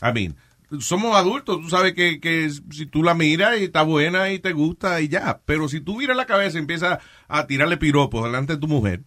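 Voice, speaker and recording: Lively bright-voiced male radio host. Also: on the high side, a little fast. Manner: switches between Spanish and English; animated, joking. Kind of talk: casual radio chat.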